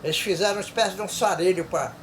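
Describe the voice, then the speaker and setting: A man's voice: high-pitched, rapid-fire, fairly bright tone, a little hiss or hum. Older Amazonian Brazilian man, echoey room. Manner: rambling, repeats words, often ends phrases with a tag question. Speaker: storyteller. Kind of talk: informal oral storytelling.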